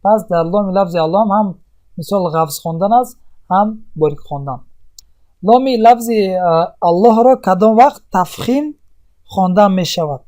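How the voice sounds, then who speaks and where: Male recitation teacher, high mellow voice, patient and repetitive. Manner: patient, repetitive teaching with many pauses and fillers. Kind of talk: explaining tajweed rules in a lesson.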